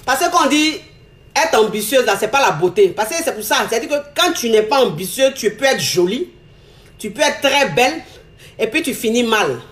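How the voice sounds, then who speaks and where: A woman's voice: fairly high pitch, expressive, moderate pace, a bit bright. A woman giving an emphatic, scolding advice monologue to other women, repeating herself and firing off rhetorical questions.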